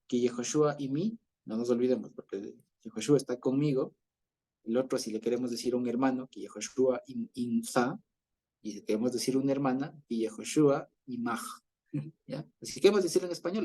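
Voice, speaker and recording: A man's voice: mid-range voice, dark tone, slightly rough. A man teaching an online Bible class over a video call, explaining patiently, often checking in with listeners and chuckling as he goes.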